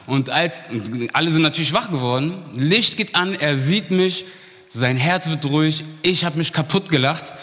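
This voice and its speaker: A man's voice: a little high, normal speed, fairly bright tone, long reverb tail. A man preaching a sermon, telling a personal story vividly and often checking in with his listeners before reading from the Bible.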